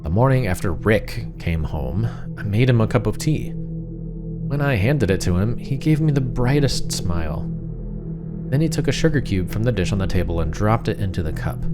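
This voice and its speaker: Deep-voiced man as a frightened wife, horror story. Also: animated, moderate pace, lightly acted. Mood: uneasy, confiding. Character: frightened, suspicious wife confiding a dark secret. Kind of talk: first-person horror story narration. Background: music.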